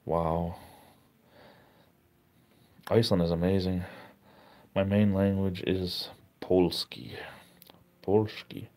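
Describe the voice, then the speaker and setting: Here a middle-aged streamer, tired but relaxed, chats away as he reads viewer comments aloud and is easily amazed. His voice sits low, and he goes slowly with frequent pauses.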